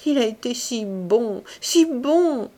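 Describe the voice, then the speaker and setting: A woman's voice: a little high, animated, takes it slowly, dark tone, pitched above the performer's own voice. A woman reading the lines of an anxious, tearful former hotel keeper in an audiobook, in a pleading, distressed voice.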